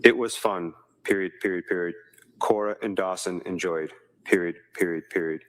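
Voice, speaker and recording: A man's voice: low voice, steady tone, normal speed, dry recording. A man testifying as a witness in a courtroom recording, answering formally and briefly and addressing the lawyer as sir. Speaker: trial witness.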